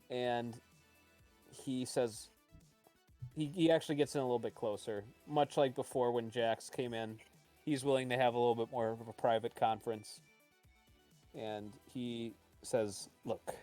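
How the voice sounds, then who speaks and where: A man's voice: mid-range voice, warm tone. A man narrating a tabletop game casually as its game master.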